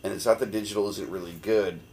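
A man on a casual podcast explaining things haltingly, correcting himself mid-sentence. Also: on the low side, steady tone, a little mellow, slight background noise. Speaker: podcast co-host. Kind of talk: casual chat.

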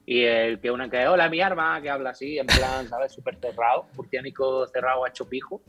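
Andalusian man, guest voice actor, husky and animated, muffled call audio. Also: medium pitch, a little fast, soft background music. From Spain, Córdoba. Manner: animated, mimics other voices. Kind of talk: casual podcast chat. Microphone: video call.

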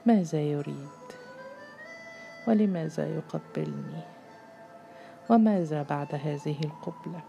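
A woman storyteller reading a literary story in a slow, measured, intimate way. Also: sits low, vocal fry, warm tone, soft background music.

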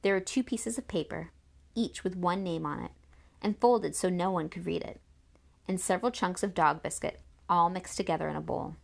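A woman narrating a children's novel in an audiobook, with expressive storytelling. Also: fairly low pitch, normal speed, vocal fry.

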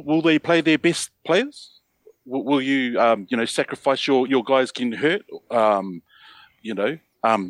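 Man, New with influence, casual panellist, halting, thinking aloud, no room sound. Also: mid-range voice, dry recording. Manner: hesitant, colloquial, thinks aloud. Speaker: podcast panellist. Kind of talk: casual chat.

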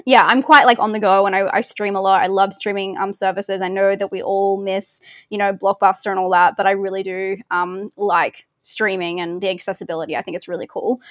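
An Australian woman in her thirties, a film reviewer appearing as a guest, chats casually in an interview, rambling, poking fun at herself and laughing a lot. Her mid-range voice is flat and fairly quick, with no echo.

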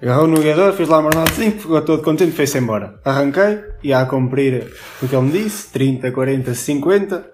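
A young man with a European Portuguese accent tells a rowdy story on a casual podcast. His voice sits a little high for a man, and he laughs and swears as he talks. Faint music runs underneath. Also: expressive, fairly quick, hardly any pauses, a little mellow. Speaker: podcast co-host.

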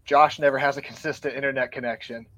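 A man's voice: mid-range voice, fairly even intonation, fast talker, sharp tone, no room sound. A man, a guest on a podcast, explaining his view in casual discussion, earnest and a little out of breath. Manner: earnest, explanatory, reads from show notes. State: a bit out of breath.

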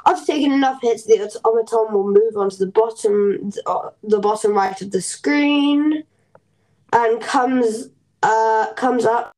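A woman's voice: on the high side, a little mellow, rough recording. Rambling woman chatting about a game. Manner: rambling, halting, many fillers and restarts; explains game strategy in detail. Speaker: podcast co-host. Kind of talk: casual gaming chat.

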